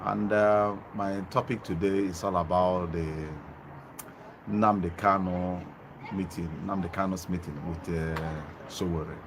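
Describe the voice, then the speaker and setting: Recorded on a phone with an earphone mic outdoors in Germany, this online TV host offers casual livestream commentary in a low voice with little pitch movement. He keeps a measured pace but rambles, with many ums and restarts, over background noise.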